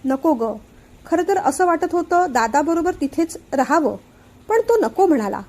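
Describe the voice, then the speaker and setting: A woman's voice: high-pitched, animated, normal speed, a little mellow. A woman voicing an anxious young man, the younger brother, in a family storybook reading. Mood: tired.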